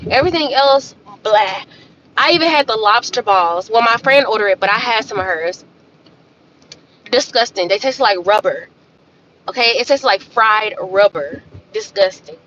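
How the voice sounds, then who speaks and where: A woman's voice: medium pitch, moderate pace, muffled recording, slight background noise. A woman hosting a livestream, telling a story in a casual, sassy way and talking straight to her viewers. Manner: animated, sassy, addresses viewers as y'all. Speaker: livestream host.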